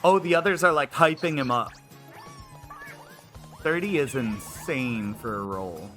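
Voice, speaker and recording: A man's voice: medium pitch, measured pace, a bit bright, soft background music. A man streaming live, chatting casually while feeling sick, rambling with lots of filler words. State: unwell and queasy.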